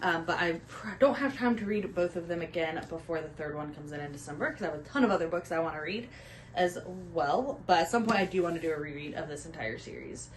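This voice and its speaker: Young woman, casual book vlog chat, gushing, slips into soft whispers, lower voice, faint background hum. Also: lively intonation, fast, poor audio. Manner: gushing, drops to soft whispers when emotional. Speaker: book vlogger.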